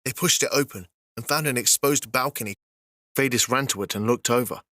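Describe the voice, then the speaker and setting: A man narrating a fantasy audiobook in a steady, even storytelling delivery. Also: mid-range voice, a little fast, no echo, studio quality.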